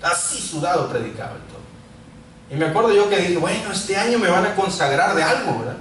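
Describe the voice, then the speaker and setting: A man from Mexico, preaching a sermon full of personal testimony and swinging from loud calls to quiet asides. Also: sits high, expressive, brisk. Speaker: pastor. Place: large echoey church hall. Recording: echoey church hall, mic far off, faint noise.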